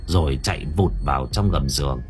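A man's voice: extremely low pitch, brisk, darkish tone, soft background music. A man narrating a horror story for an audiobook in a vivid, dramatic way.

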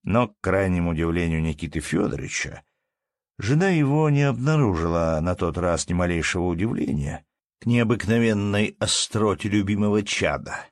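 A man narrating a classic story as an audiobook reader in a steady, measured way. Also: low-pitched, dry recording, studio quality. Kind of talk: literary narration.

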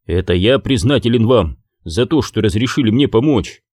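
A man's voice: lowish voice, animated, moderate pace, darkish tone, no room sound, studio quality. A man voicing a modest, earnest teenage apprentice in an audiobook. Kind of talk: audiobook character voice.

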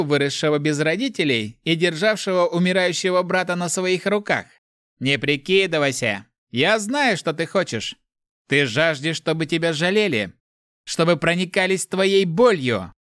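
A man voicing a mocking male spirit that speaks inside someone's head, taunting and sneering without pause. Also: high-pitched, sing-song, sharp tone, dry recording, clean studio sound, voice pushed up, exaggerated voice.

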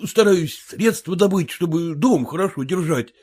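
A woman's voice: on the low side, animated, normal speed, mellow, slightly rough, voice pushed up. A woman voicing a bewildered merchant husband in a storybook reading, pleading and flustered. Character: bewildered middle-aged merchant husband, meek.

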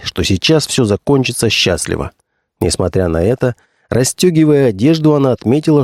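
Man, audiobook narrator, dramatic reading, warm dark tone, dry close mic. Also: mid-range voice, dry recording.

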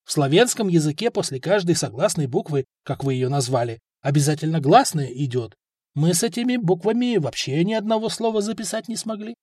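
A man's voice: on the high side, expressive, fairly quick, a little mellow, husky, dry recording, studio quality. A man voicing a short, stout male scholar who explains things carefully and deferentially. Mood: explaining.

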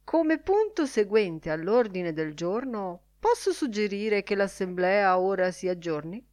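A thoughtful young man , read by a woman narrator, speaks with courteous formality and a dry, wry edge. The words come slowly and carefully, in a storybook reading. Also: medium pitch, lively intonation, a little mellow, no room sound, close to an everyday voice.

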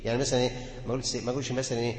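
A man's voice: medium pitch, little pitch movement, rapid-fire. A man with an Egyptian accent teaching a class on Quran recitation, asking his students questions and answering them himself. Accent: Egyptian Arabic. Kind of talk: classroom lesson on tajweed. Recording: echoey hall with long reverb.

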